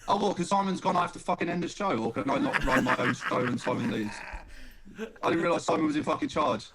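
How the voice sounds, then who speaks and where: Sweary joking podcast host, robotic audio. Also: male voice, a little high, fast talker, over a noisy crowd. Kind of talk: casual podcast chat. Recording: degraded robotic call audio.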